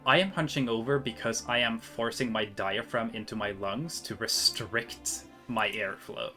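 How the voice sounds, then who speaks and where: Man, game master narrating a tabletop game, bright crisp voice, casual and swearing, faint music behind. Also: on the low side, moderate pace. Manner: casual, swearing, laughing asides.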